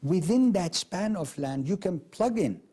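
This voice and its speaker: A man interviewed for a documentary, speaking loudly and emphatically, with rhetorical asides. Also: high-pitched, expressive, a little slow, breathy edge. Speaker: interviewed expert.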